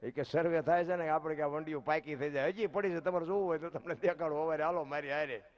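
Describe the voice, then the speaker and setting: This fairly fast-talking man with a slightly high voice is a folk storyteller performing live for an audience. He chats with his listeners directly and laughs softly as he goes.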